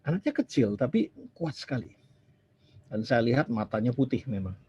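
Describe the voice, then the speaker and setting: A husky, mellow-toned man. He tells his sermon as a lively story, acting out other people's lines and slipping into English now and then. The recording is dull and lo-fi. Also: mid-range voice, normal speed. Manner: chatty, animated, acts out dialogue, drops English phrases. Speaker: preacher.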